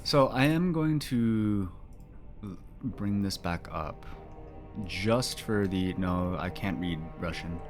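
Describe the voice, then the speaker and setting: A man's voice: low-pitched, slow. A man giving casual commentary as he plays a game, muttering to himself with playful asides. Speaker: gamer doing a playthrough. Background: game music.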